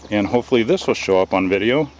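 Male reviewer, lowish voice, relaxed and halting, dull lo-fi outdoor audio with faint crickets. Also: slight background noise. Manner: relaxed, hesitant, many ums and uhs. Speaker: gun reviewer. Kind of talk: casual product review.

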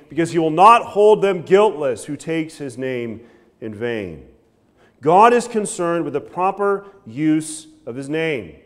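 A man in his thirties preaching an evening sermon from a church pulpit, gesturing and often asking "right?". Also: fairly high pitch. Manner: animated preaching with frequent "right?" asides and hand gestures. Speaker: pastor.

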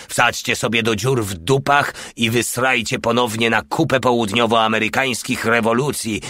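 A man's voice: lowish voice, no room sound, studio quality. A man voicing a raving shell-shocked soldier. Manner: yelling, frantic. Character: panicking, raving male soldier in battle shock.

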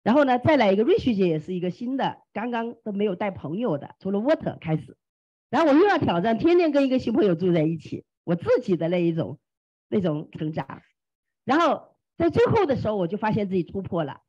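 A woman's voice: mid-range voice, very animated, fast, warm tone, husky. A woman from China speaking as a team leader in a motivational testimony to a classroom group, exclamatory and acting out quoted dialogue. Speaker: team leader sharing experience. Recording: dull lo-fi room recording.

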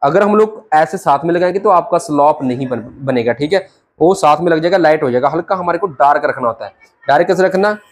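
Chatty young barber man, slightly high voice. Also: animated, a little fast. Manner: chatty, brotherly, keeps saying "theek hai". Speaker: barber teaching haircuts. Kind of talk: hands-on tutorial talk to camera. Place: small barber shop indoors. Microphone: clip-on lapel mic.

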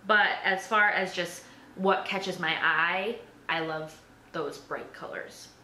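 A woman's voice: on the low side, steady tone, slow pace, sharp tone. A young adult woman talking casually to the camera in a tag video, chatty, with lots of "like" and "um". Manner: chatty, filler-heavy with frequent "like" and "um". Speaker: YouTuber. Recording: echoey room with faint background noise.

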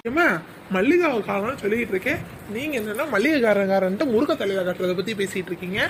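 A woman's voice: mid-range voice, expressive, quick pace, slight background noise, natural voice. A woman voicing a caring young father in a cartoon, coaxing and reassuring. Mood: pleading.

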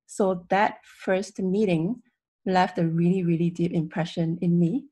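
Young adult female, lowish and mellow, solemn and reflective, speaking informally at an online memorial. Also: fairly even intonation, a little slow, breathy edge. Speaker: friend giving a memorial tribute. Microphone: video call, computer microphone.

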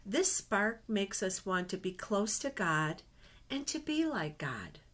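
In a small indoor office, a middle-aged woman who tells Bible stories to children reads picture books aloud in a mid-range, sing-song voice at a slow pace. She adds chatty asides and gentle, simple questions aimed at young listeners, picked up by a webcam at desk distance.

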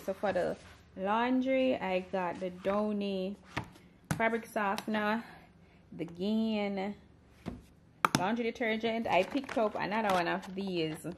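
A woman's voice: mid-range voice, slow, pauses often, noisy background. A young woman, chatting casually as she vlogs a grocery run, filmed on a handheld camera at arm's length. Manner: chatty, loose grammar, thinks aloud. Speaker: vlogger. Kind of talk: casual vlog narration while shopping. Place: supermarket aisles, later a home kitchen. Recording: loud store music behind the voice. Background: store music.

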